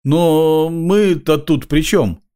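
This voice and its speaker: A man's voice: on the high side, very slow, warm tone, clean tone, pitched above the performer's own voice. A man voicing a frightened, stammering young male police officer. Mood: scared.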